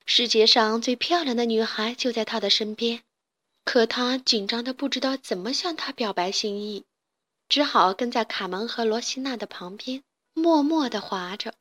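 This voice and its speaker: A woman narrates a children's storybook with a lively, expressive delivery. Her voice sits somewhat high and bright, and she gives every sentence plenty of color. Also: moderate pace.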